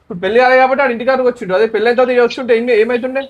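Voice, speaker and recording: A man's voice: very high voice, steady tone, rapid-fire, lo-fi sound. A man, pressing and lecturing sternly as he mediates an emotional conversation. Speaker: regular of the show, mediator.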